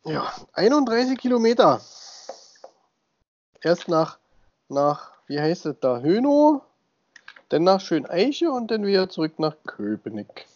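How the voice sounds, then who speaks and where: A man's voice: high voice, big pitch swings, measured pace, long pauses, darkish tone. A married man in his thirties co-hosting a casual podcast, joking in easygoing banter. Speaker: podcast co-host. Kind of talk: casual chat. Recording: dull dry sound.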